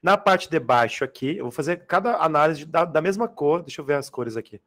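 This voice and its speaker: A man with a slightly high voice teaches a grammar class in a classroom. He talks casually and with slang, and keeps asking his students whether they follow. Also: expressive, brisk, fairly bright tone. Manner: casual, slangy, asks students to confirm often. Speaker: Portuguese teacher. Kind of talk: live exam-prep grammar class. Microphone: adjustable microphone.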